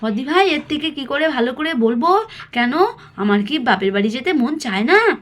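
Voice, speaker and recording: Cartoon: woman doing a sulky young wife with a high voice who complains that she has been wronged. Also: expressive, normal speed. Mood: aggrieved. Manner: aggrieved, complaining. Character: hurt, resentful young wife.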